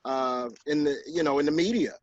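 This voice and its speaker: A man in his forties, a guest author in a casual conversation, telling stories and acting out quotes in higher voices. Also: a little fast, muffled recording, slight background noise. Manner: animated storyteller who acts out quotes in higher voices. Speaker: author and guest on a talk show.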